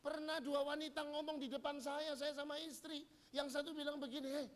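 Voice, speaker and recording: A man's voice: extremely high pitch, little pitch movement, a little fast. A middle-aged man preaching in church, joking and acting out little dialogues. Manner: humorous, acts out quoted dialogue. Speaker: pastor. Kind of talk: sermon.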